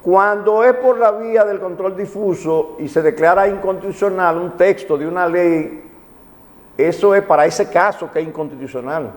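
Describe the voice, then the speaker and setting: A man's voice: sits high, moderate pace. A man with a Caribbean Spanish accent from the Dominican Republic explains legal matters didactically on a television programme, repeating his key points. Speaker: magistrate, legal commentator on a TV programme. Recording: reverberant hall-like sound.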